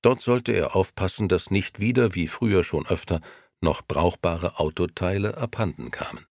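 Deep, husky, lively male narrator. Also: normal speed, no room sound, studio quality. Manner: lively, expressive storytelling. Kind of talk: audiobook reading.

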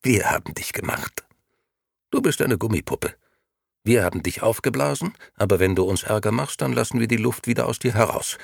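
A man reading an audiobook, voicing a menacing unseen male voice that speaks as "we", slow, taunting and condescending. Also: lowish voice, expressive, gravelly, dry recording, studio quality, full character voice.

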